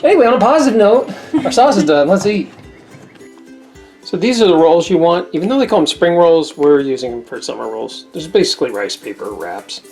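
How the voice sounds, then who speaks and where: Low-voiced chatty woman cooking at home. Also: big pitch swings, fairly quick, darkish tone, soft background music. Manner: rambling, chatty storytelling. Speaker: cooking channel host. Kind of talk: casual chat while cooking. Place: home kitchen.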